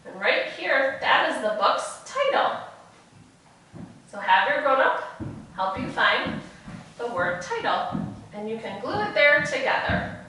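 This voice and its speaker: A woman with a high-pitched, unhurried kindergarten teacher voice leads a lesson for little children. She uses simple words and encouraging prompts. The room is very echoey, as if she stands back from the mic. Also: animated, bright, forceful tone, distant mic. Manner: encouraging, with frequent praise and prompts. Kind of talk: virtual lesson for young children.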